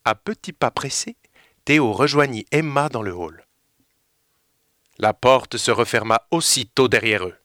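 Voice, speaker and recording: A man reading a children's story aloud, expressive and slowing down for suspense. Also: medium pitch, no room sound, studio quality.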